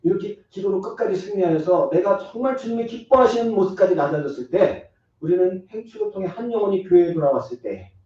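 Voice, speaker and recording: A man's voice: high voice, warm tone. A male pastor giving an earnest, emphatic sermon, acting out little quoted exchanges as he goes. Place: church sanctuary. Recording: echoey church hall from far off, dull sound.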